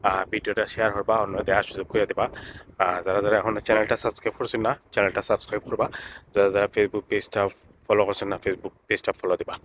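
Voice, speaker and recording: A man with a Sylheti accent talks casually in a slightly low voice while filming outdoors by a lake, repeating himself and filling pauses. There is a faint hum of open air behind him. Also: little pitch movement, fairly bright tone. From Sylhet, Bangladesh. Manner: chatty, repetitive, with many filler sounds. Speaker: vlogger. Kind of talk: casual vlog narration.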